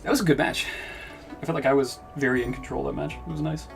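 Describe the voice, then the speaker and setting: A young man chatting casually while playing a game, laughing often and sometimes rushing his words. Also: mid-range voice, fairly even intonation, vocal fry. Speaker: streamer and video creator. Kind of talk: casual gaming chat. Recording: game music under voice.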